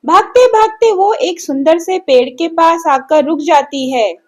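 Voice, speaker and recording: A woman telling a bedtime story with a gentle storytelling lilt. Her voice sits very high, and she takes her time, reading at a slow, even pace.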